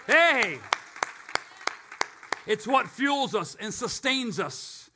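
A man preaching a live sermon to a congregation, swinging from loud and emphatic to quiet and low, with joking asides. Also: lively intonation, a little slow, crowd noise, noisy background. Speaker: pastor.

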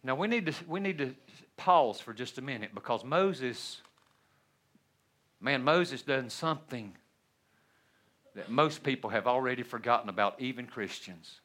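A middle-aged man preaching a sermon in a church, folksy and humorous, swinging between loud bursts and hushed asides. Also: medium pitch, animated, measured pace, long pauses. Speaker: pastor. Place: church sanctuary.

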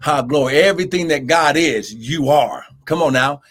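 A man's voice: a little high, moderate pace, a bit bright. A man preaching an impassioned live-streamed Bible sermon, exhorting emphatically with repeated phrases and drawing out scripture for weight.

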